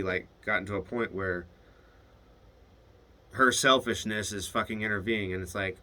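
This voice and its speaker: A man's voice: fairly low pitch, pushed and bright. A young man telling a video diary about a hard phone call, hesitant and swearing when upset. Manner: retells phone calls, quoting both sides. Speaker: video diarist. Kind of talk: casual confessional monologue.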